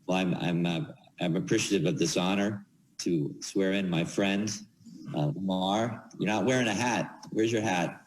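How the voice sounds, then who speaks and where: A man giving informal ceremonial remarks as an official, halting and repeating words as he goes. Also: low voice, slight background noise, low-quality recording. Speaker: official speaking at swearing-in ceremony.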